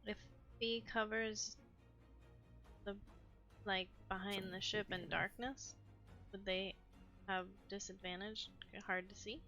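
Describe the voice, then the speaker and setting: A woman's voice: mid-range voice, fairly even intonation, takes it slowly, pauses often, bright, forceful tone, faint music behind. A woman playing a tabletop game, casually asking questions in an unsure, searching way. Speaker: player.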